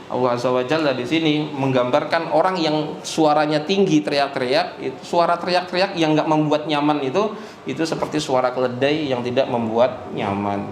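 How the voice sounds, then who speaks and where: A man's voice: fairly high pitch, a little hiss or hum. A man giving a mosque study lecture as an Islamic teacher, hesitating with fillers and answering his own questions. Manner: asks rhetorical questions and answers them. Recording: echoey mosque room.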